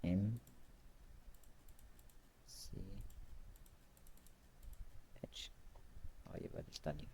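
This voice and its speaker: A young Egyptian man with an Egyptian Arabic accent hosting a horror game let's play, jumping from quiet mutters to loud frightened outbursts. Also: sits low, gravelly, slight background noise. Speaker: gaming channel host.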